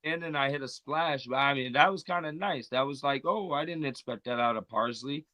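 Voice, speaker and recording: A man's voice: medium pitch, brisk, sharp tone, no room sound. A man from Iowa, a wrestling guest, talking in a laid-back, casual way and often repeating himself. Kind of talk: casual interview chat.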